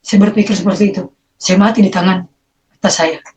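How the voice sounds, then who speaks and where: Earnest, halting testimony voice. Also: mid-range voice, steady tone, a little mellow, dull audio. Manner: earnest, halting storytelling with frequent fillers. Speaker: interview guest giving a conversion testimony. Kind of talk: emotional personal testimony.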